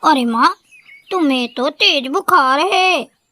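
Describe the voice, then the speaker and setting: A woman's voice: high voice, slow pace, sharp tone, dry recording, heavily acted. A woman voicing a young male crow in a cartoon, an easily swayed son who speaks in a coaxing way. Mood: worried.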